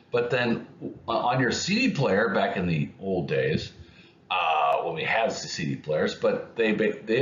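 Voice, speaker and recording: A man explaining electronics concepts in an unscripted lesson, speaking haltingly with many restarts and fillers. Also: medium pitch. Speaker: electronics educator. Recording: muffled, roomy, faint noise.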